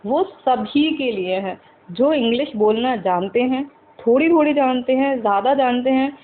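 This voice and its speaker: Woman, English lesson, slow and repetitive, keeps quizzing viewers, tinny phone-like sound, faint hiss. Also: high voice. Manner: slow, repeats example sentences several times; keeps asking the viewers questions. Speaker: English teacher. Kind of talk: spoken English lesson for Hindi speakers.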